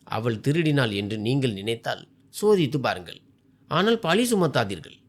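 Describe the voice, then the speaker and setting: A man voicing a calm blind young husband who speaks low and steady with quiet confidence in a told story. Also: normal speed.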